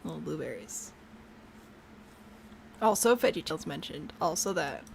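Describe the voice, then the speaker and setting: A woman's voice: sits low, animated, moderate pace, vocal fry, a little hiss or hum. A woman chatting casually to herself while she builds in a video game, bubbly and prone to trailing off mid-thought. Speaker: game streamer.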